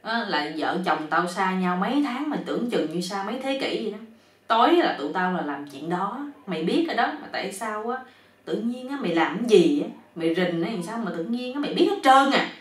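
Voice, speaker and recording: Woman doing a gruff, bossy husband. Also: medium pitch, lively intonation, brisk, recorded from a distance, natural voice. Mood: grumbling. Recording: roomy, a bit off-mic.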